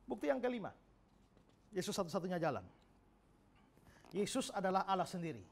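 Man, pastor, emphatic Bible teaching, acts out quotes, high pitch. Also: sing-song, fairly quick, gravelly.

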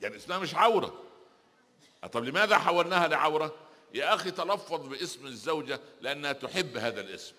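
A man's voice: on the high side, animated, quick pace, bright, forceful tone. A middle-aged man with an Egyptian Arabic accent, preaching a lecture with humorous stories and asking the audience rhetorical questions. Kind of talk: religious lecture with humorous anecdotes. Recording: long hall reverb.

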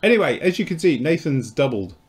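A man's voice: fairly high pitch, sing-song, brisk. A man hosting a casual live show about model kits, talking in a loose, rambling, chatty way as he explains things. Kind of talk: casual live-stream chat.

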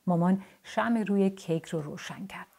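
A woman reading a children's bedtime story in a soft, hushed, gentle way. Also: mid-range voice, creaky, breathy edge.

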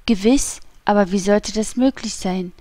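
A frightened queen in a storybook reading pleads and groans in despair, as a woman puts her on. Her voice sits at a middling pitch and turns breathy when fear grips her. It is close and dry, with no room around it. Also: unhurried, dark tone, no echo, close to an everyday voice. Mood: distrustful. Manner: anguished, pleading, breathy at times. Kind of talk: audiobook character voice.

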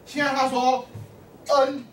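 Extremely high in pitch, the man's voice is flat and slow as he lectures a math class. He quizzes the students over and over, using short "lai" and "o" prompts to get responses. Sound is distant and echoing, with a faint hum.

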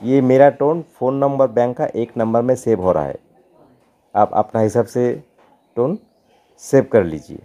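Guy doing a slow keyboard tutorial, repeats everything, kinda pleading, mellow dark voice. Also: medium pitch, muffled recording.

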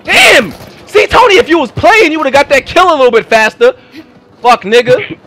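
A man streaming a game, loudly ranting and repeating himself at his teammates, worked up and near-hysterical. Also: extremely high pitch, very animated, moderate pace. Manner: loud, exasperated, repeats himself, yells at teammates. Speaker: gaming streamer. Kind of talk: ranting live stream commentary.

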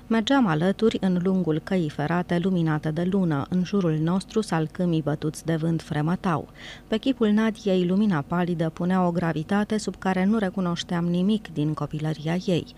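A woman with a fairly low voice reads a novel aloud, calm and measured. A faint low rumble runs under the recording. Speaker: audiobook reader. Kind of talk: scripted narration.

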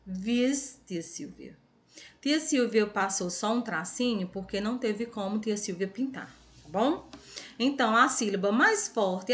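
A woman's voice: medium pitch, fairly bright tone. A Brazilian woman teaching a recorded online class to young children, reading words syllable by syllable and cheering the kids on. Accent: Brazilian Portuguese. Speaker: primary school teacher.

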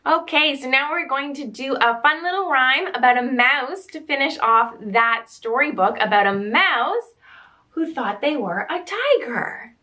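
A woman in her thirties leads children's story time from a small indoor room hung with curtains. Her high, bright voice is pushed forward at a measured pace as she reads a picture book aloud with lots of expression and asks the listener questions.

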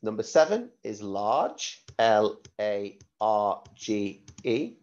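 A man reads out a school spelling dictation at a slow, careful pace. His mid-pitched voice is very lively in intonation as he repeats and spells out words like a primary teacher. The recording is slightly dull and lo-fi. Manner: deliberate, repeats words and spells them out letter by letter.

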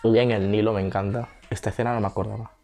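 A young man with a Spain Spanish accent giving chatty reaction commentary, now and then breaking into high squeals and gasps. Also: level tone, racing, darkish tone, faint music behind. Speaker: video reactor.

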